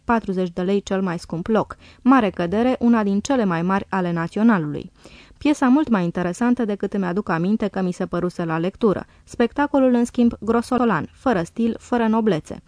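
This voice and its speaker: A woman narrating a diary in a calm, measured reading voice. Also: mid-range voice, dry recording, clean studio sound. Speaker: audiobook reader.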